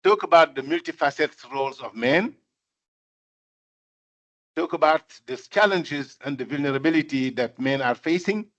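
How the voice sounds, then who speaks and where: An older man from Senegal giving a speech at a corporate event, talking in a measured way, with many fillers and repeated phrases for emphasis. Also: on the high side, a bit bright. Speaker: guest speaker. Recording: dull lo-fi sound.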